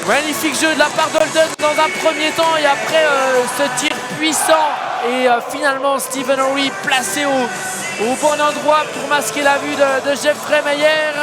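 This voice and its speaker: A man giving live ice hockey commentary, excitable and shouting out goals. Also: extremely high pitch, normal speed. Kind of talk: live sports commentary with excited goal calls. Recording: crowd noise and music behind commentary. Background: arena crowd and music.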